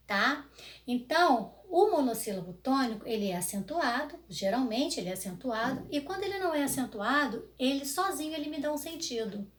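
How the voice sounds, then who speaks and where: A young Brazilian woman teaching an online grammar lesson to children, drawing words out slowly and checking in with "né?" and "tá?". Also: a little high. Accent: Brazilian Portuguese. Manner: slow, stretched words for emphasis, frequent "né?" and "tá?". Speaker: primary school teacher.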